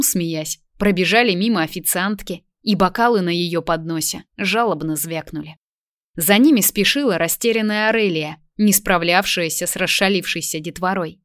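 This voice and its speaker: A woman narrating a novel in a calm, even storytelling manner. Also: medium pitch, dry recording, clean studio sound. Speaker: audiobook narrator. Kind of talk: scripted narration.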